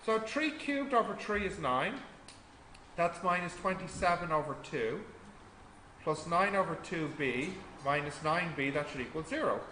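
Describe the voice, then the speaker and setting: A man's voice: fairly high pitch, animated, moderate pace, sharp tone. A man tutoring a maths class, explaining step by step and quizzing students as he goes. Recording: echoey classroom with faint noise.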